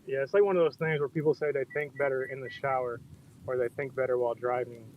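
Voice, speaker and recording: A man's voice: mid-range voice, steady tone, fast. A man speaking over a car Bluetooth headset while driving in the rain, chatting in a laid-back, loose way and swearing casually. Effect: muffled car Bluetooth headset mic. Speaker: project founder on a live audio chat. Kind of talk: casual chat.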